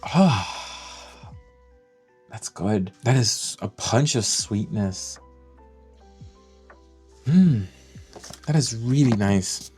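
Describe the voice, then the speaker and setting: A man excitedly reviewing and unboxing fragrances, gushing and thinking aloud as he goes. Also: fairly low pitch, drawn-out words, pauses often, husky, faint music behind.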